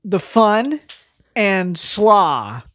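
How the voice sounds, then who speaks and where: A man co-hosting a songwriting session, talking casually and quickly, muttering lyric ideas aloud. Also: sits high, very animated, a bit bright, dry recording. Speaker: songwriter co-host. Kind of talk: casual chat while songwriting.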